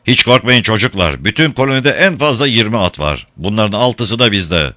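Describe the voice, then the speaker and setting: A man voicing a calm, reassuring male companion in an audiobook. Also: fairly low pitch, moderate pace, no echo, pitched above the performer's own voice.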